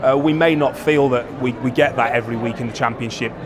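A man in his forties, a forwards coach, talks in a flat, level voice and often restarts his phrases. He speaks from an outdoor stadium stand, and a crowd murmurs clearly around him. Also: mid-range voice, brisk. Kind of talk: post-match interview.

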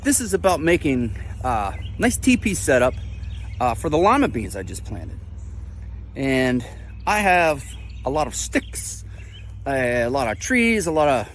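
A chatty man rambles through a casual outdoor gardening vlog, his voice fairly high and swinging up and down as he talks. A faint hum of outdoor ambience sits behind him, picked up by the camera mic out in the open. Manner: chatty, rambling, self-deprecating. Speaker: gardening vlogger.

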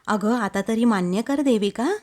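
A woman's voice: on the high side, normal speed, a little mellow, lightly acted. A woman voicing a young daughter-in-law who earnestly pleads her case to her father-in-law, in a serial recap.

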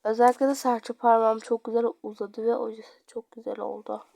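A young woman with a slightly high voice talks casually over her gameplay. She is chatty and dramatic. She slips between low murmurs and sudden loud outbursts. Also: little pitch movement, normal speed, gravelly, no room sound. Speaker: gaming video creator.

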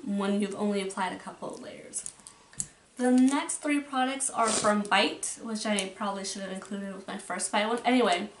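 Chatty woman vlogging in a roomy bedroom. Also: a little high. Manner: rambling, chatty, trails off and restarts. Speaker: beauty vlogger. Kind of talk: casual makeup declutter talk. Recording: roomy, from a distance, faint noise.

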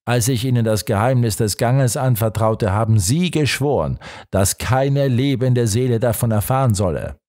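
Man reading as a nobleman, menacing, rumbling, threatening, audiobook. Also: normal speed, hardly any pauses, a little mellow, natural voice. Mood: accusing.

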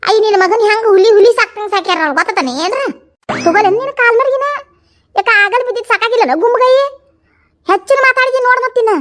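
A woman with a North Karnataka accent plays a part in a village comedy skit. Her voice is very high and quick, and she presses the others with blunt, scolding questions. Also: fairly bright tone, slight background noise. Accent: North Karnataka Kannada. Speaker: comedy sketch performer.

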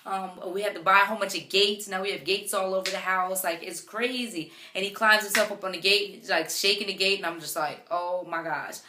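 A young woman, a mother, chatting casually to camera with lots of "like" and "um" in an animated retelling. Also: mid-range voice, brisk, few pauses, noisy background. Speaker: vlogger, mother. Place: home room with her baby beside her. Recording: echoey room.

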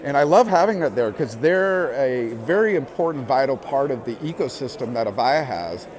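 A man's voice: mid-range voice, moderate pace. A man giving a casual walk-through of an indoor convention expo floor, enthusing with lots of fillers as he films on a handheld phone. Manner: relaxed, filler-heavy enthusing. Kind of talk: casual walk-and-talk narration. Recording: crowd chatter from a busy hall.

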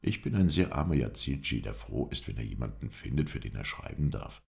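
A man's voice: extremely low pitch, expressive, brisk, creaky, darkish tone, exaggerated voice. A man playing a curt, firm traveller. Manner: curt, businesslike questioning. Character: calm, firm male traveller, the tale's hero.

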